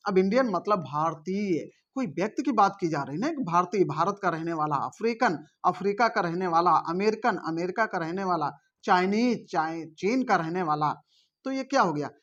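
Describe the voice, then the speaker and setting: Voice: mid-range voice, muffled recording. A teacher giving an online grammar class, mixing in English grammar terms and checking in often with rhetorical questions. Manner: quizzes with rhetorical questions, frequent "theek hai" check-ins.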